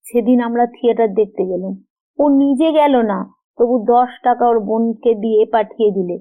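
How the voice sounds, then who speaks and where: A woman narrator voicing a gentle, modest young man who speaks softly to his elder sister. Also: fairly high pitch, normal speed, narrow, tinny audio, close to an everyday voice. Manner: soft, modest.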